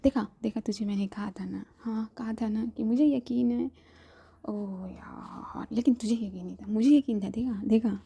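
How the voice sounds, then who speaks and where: Shrill with delight, this is a bubbly young woman teasing her best friend, her voice jumping up high and loud, as a woman storyteller puts her on. The tone is husky and breathy underneath, with a gravelly edge. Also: steady tone, slow pace, exaggerated voice. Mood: excited teasing.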